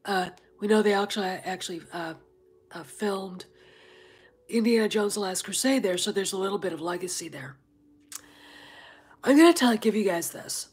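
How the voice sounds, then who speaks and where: The host of a casual livestream, a woman slightly congested, rambles with plenty of fillers and interrupts herself to greet people in chat. Her medium-pitched voice is very husky, often nearly a whisper, moving at normal speed with frequent pauses.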